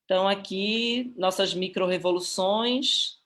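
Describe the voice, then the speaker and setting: Brazilian woman, activist presenter on a live stream, heartfelt and moved, mid-pitched. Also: a little slow, fairly bright tone. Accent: Brazilian Portuguese. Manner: emotional, heartfelt.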